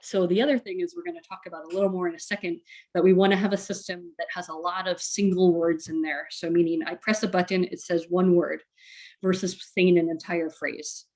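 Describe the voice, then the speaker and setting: Woman speech therapist, relaxed webinar talk, slightly low voice, fillers and little laughs. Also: brisk. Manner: casual, chatty, many fillers and small laughs. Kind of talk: recorded webinar presentation for parents.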